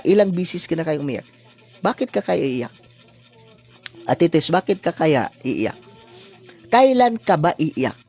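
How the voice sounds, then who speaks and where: A man's voice: fairly high pitch, darkish tone. A male pastor giving a livestreamed sermon, dropping a tag question after phrases in a preacherly cadence. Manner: blessing-decree cadence, preacherly.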